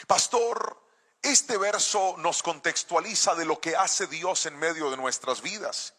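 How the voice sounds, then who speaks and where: A man's voice: fairly high pitch, measured pace, pushed and bright. A male pastor preaching a sermon in a church, using repetition and call-and-response with the congregation.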